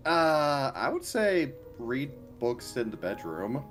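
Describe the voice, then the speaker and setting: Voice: mid-range voice, very animated, slow, soft background music. A player joining a game session, chatting with dry jokes. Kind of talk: casual let's-play chat.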